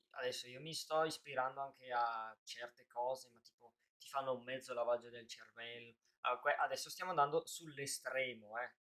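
A man's voice: on the high side, fairly bright tone. A man in casual live-stream talk, thinking aloud in long rambling answers full of restarts.

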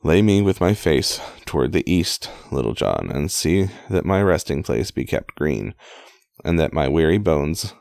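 A man voicing a gentle male outlaw leader on his deathbed. He reads the part plainly. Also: rumbling low, big pitch swings, unhurried, gravelly, no room sound, clean studio sound, heavily acted. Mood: solemn. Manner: plain read-aloud delivery, stumbles on old wording.

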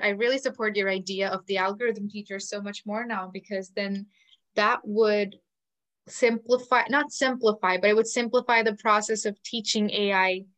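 A woman's voice: medium pitch, steady tone, normal speed, fairly bright tone. A woman from India, asking thoughtful questions in a casual discussion.

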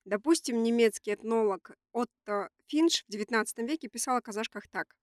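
A podcast co-host with a cold talks through prepared facts in a conversational way, her voice nasal from a stuffy nose. She's slightly high-pitched and fairly quick, recorded dry in studio quality.

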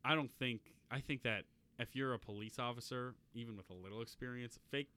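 A man's voice: mid-range voice, a little fast, sharp tone, clear, resonant tone. A young man co-hosting a podcast, talking in a hesitant, rambling way and laughing often. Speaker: podcast co-host. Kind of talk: casual chat.

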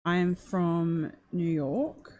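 A woman's voice: on the low side, steady tone, very slow, dark tone, dull audio. A woman casually thinking aloud as she tries to make out the words of a recording, often hesitant and puzzling over phrases. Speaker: streamer transcribing a recording.

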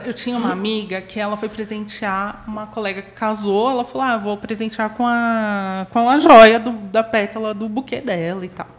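A woman's voice: medium pitch, steady tone, normal speed, few pauses. A woman chatting casually on a podcast, telling a story and acting out the dialogue. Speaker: guest, bouquet preservation artisan.

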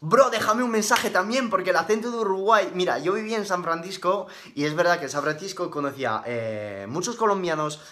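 A man's voice: high-pitched, animated, fairly quick, hardly any pauses, a bit bright. A man with a Spain Spanish accent hosting a casual live-stream Q&A, chatty and upbeat, tossing in slang like bro. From Madrid, Spain. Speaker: fitness live-stream host.

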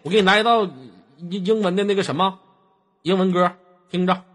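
A man with a Northeastern Chinese accent hosting a stream, teasing his guest with crude jokes, loud mockery and constant swearing, sometimes bursting into shouts. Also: high-pitched, fairly even intonation, a little fast, background noise. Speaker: livestream host. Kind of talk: crude joking banter.

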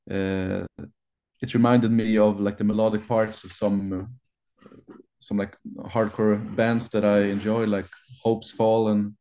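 A man guesting on a podcast, talking about his band in a hesitant, unhurried way with many fillers and restarts. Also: on the low side, a little mellow. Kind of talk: casual interview answers.

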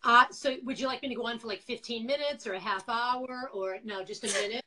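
A woman's voice: a little high, steady tone, fairly quick, pushed and bright. A talkative middle-aged woman with a Boston accent, chatting casually as an interview guest and telling her own story. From Quincy, Massachusetts, USA. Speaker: interview guest, former nonprofit founder. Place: indoors, on a video call.

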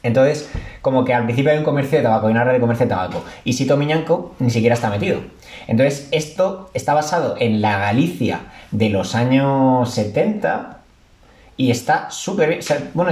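A man's voice: mid-range voice, a little fast, darkish tone. Rambling man in echoey room. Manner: rambling, filler-heavy storytelling. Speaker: podcast guest. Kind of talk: casual podcast chat.

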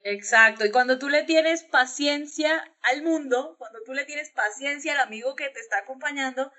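A woman's voice: sits high, moderate pace, bright, forceful tone. A woman speaking as a podcast guest in casual conversation. She talks in an earnest, reflective way and often acts out what she would say to others.

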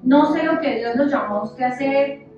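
High-voiced woman preaching passionately. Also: moderate pace. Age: 30s. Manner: impassioned, conversational preaching that swings between loud and soft. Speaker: church leader. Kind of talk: sermon. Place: church. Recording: echoey, dull church hall sound with music, mic at a distance.

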